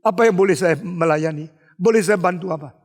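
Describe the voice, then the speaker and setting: A man's voice: sits high, a little fast. A man voicing a humble male farmer who answers plainly and submissively.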